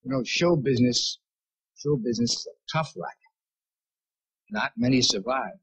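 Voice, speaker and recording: A man's voice: mid-range voice, moderate pace, husky, poor audio. A man in his fifties, guest of honor, giving a self-mocking comic roast speech on a 1970s TV show. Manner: punchy, self-mocking timing. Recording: 1970s TV broadcast, audience laughter.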